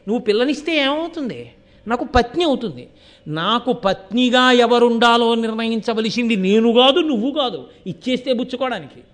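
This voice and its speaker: A man speaking the part of a young prince who firmly defers to his father, inside a religious story. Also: very high voice. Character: young prince, calm and firm about duty.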